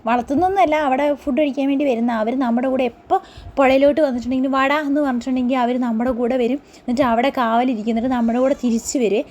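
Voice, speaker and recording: A woman's voice: high voice, mellow. A woman vlogger narrating her day in a rambling, chatty voice-over, full of tag words.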